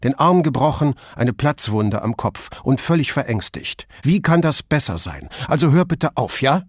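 A blunt middle-aged police commissioner talks firmly and reasons things through, as the male narrator plays him. His voice sits at an ordinary male pitch. The recording is dry and close. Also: big pitch swings, moderate pace, husky, dry recording. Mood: stern. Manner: firm and reasoning.

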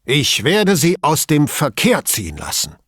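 A pompous police chief, voiced by a man reading an audiobook, pushes every point with indignant emphasis. His husky voice leaps around in pitch, and the recording is close and dry. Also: sing-song, unhurried, no room sound.

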